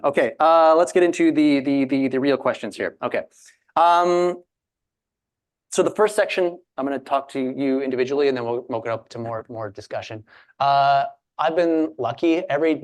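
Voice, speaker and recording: A man from Alberta moderates a panel in a loose, chatty way, stopping to restart his sentences and joke at his own expense. His voice sits at an ordinary middle pitch. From Alberta, Canada. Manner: chatty, self-deprecating, many fillers and restarts.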